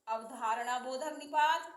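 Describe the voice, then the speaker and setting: Female grammar teacher, high voice, patient and repetitive, recorded in an echoey room. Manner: slow, repeating terms and examples. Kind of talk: explanatory lesson.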